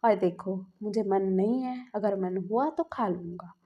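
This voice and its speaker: A woman's voice: mid-range voice, a little slow, husky, dull audio. A woman voicing a rude, stubborn young man who snaps at his family. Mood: angry. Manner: curt, angry.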